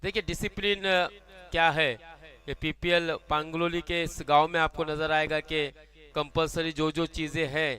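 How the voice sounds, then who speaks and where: A man with an Indian accent giving live, excited cricket commentary, effusive and dramatic as he calls the big hits. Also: fairly high pitch, moderate pace.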